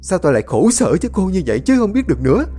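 A storyteller voicing a cruel, domineering older mother-in-law who scolds and shouts. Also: medium pitch, expressive, fast, faint music behind, pitched above the performer's own voice, natural voice. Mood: furious.

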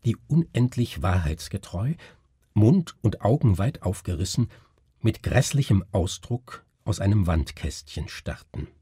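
A man narrating a literary story in a measured, expressive way. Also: on the low side, slightly rough, no echo, clean studio sound. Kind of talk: literary audiobook reading.

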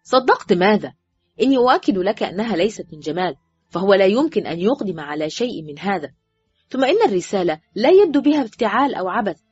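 A woman reading an audiobook voices a man, a teasing and mocking friend who needles loudly and sounds incredulous. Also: mid-range voice, very animated, quick pace, slightly rough, dry recording. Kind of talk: audiobook character voice. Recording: dull, dry recording with faint music.

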